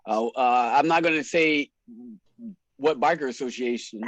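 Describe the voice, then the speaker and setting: A man's voice: mid-range voice, normal speed, dry recording, low-quality recording. A man, a wrestler and show promoter, telling stories in a casual, slangy way and laughing often. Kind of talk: casual storytelling in a podcast interview.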